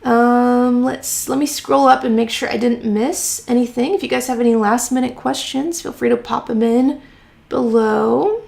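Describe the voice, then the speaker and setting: An encouraging woman answers viewer questions on a live stream from her home office, her voice a touch high and full of vocal fry. She talks in a loose, chatty way, full of "um" and "like," and sounds a little hoarse after talking a long time. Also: normal speed, a little mellow. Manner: chatty and encouraging, many fillers like "um" and "like". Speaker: host of a freelance writing live stream.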